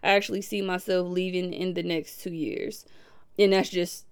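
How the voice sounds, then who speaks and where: A woman in her twenties from Milwaukee, hosting a podcast in a casual, animated way and laughing often. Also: lowish voice, normal speed, clean tone. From Milwaukee, USA. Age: 20s. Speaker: podcast host. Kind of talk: casual reflective podcast talk.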